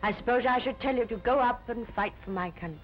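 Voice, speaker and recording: An actress playing a gentle, earnest young woman in wartime, speaking softly and earnestly in early talkie film sound. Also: fairly high pitch, fast talker. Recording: dull 1930 film soundtrack, faint music.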